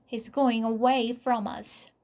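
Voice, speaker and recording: A woman's voice: fairly high pitch, flat delivery, takes it slowly, dark tone. Woman doing a worried young boy. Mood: urgent. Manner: earnest, urgent storybook dialogue. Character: young boy, worried but trying to stay calm.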